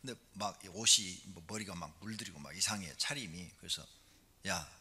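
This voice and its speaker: A middle-aged male pastor giving a lively, conversational sermon in church, full of rhetorical questions. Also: low-pitched, a little fast, breathy edge. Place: church sanctuary.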